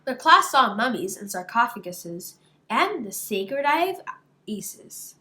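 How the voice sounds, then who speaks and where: A woman reads a children's picture book aloud, telling the story expressively. Her voice is fairly high and her pace unhurried.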